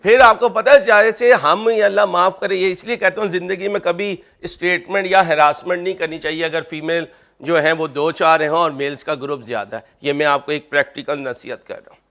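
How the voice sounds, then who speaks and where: A man with a high, bright voice lectures on accounting with a steady tone, a slightly fast pace, and some vocal fry. Chatty and joking, he mixes personal stories with worked examples and calls his students "kids."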